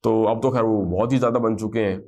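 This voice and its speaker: A man teaching Arabic grammar in class. He explains at length, speaks Arabic phrases slowly, and often checks whether the class follows. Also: fairly low pitch, steady tone, a little mellow. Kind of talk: classroom lesson.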